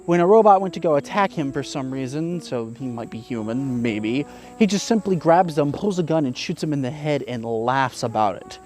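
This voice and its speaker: Speaking as a YouTube reviewer, a man offers a frank, chatty review full of fillers and mild swearing. His mid-pitched, slightly dark voice is expressive and moves at a normal speed, with faint music in the background.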